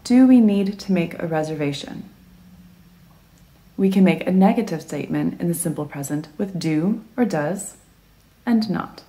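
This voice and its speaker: A woman narrating a scripted English grammar lesson in a clear, even explanatory way. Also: fairly low pitch, normal speed. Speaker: English teacher.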